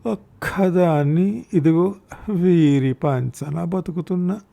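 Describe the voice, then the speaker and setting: A man voicing a gentle, forgetful mother past eighty, with slow, wavering speech full of confused questions. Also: a little high, vocal fry, pitched above the performer's own voice. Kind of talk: audiobook story reading.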